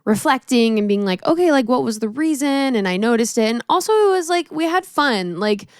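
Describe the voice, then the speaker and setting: A woman in her twenties co-hosting a podcast, talking in a relaxed, reflective way with many fillers. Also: a little high, brisk, clean tone, dry recording, studio quality. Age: 20s. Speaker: podcast co-host. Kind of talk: casual chat.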